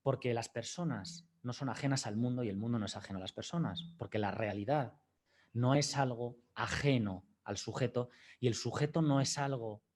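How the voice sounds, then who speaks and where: Husky lecturer telling a story. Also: male voice, medium pitch, darkish tone. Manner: reflective, acts out dialogue with a student. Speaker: university lecturer giving a talk.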